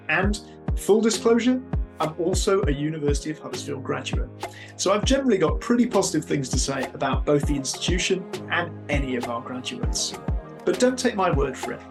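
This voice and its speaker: A man hosting an interview podcast, introducing the show and putting questions to his guest. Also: on the high side. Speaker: podcast host, university careers consultant.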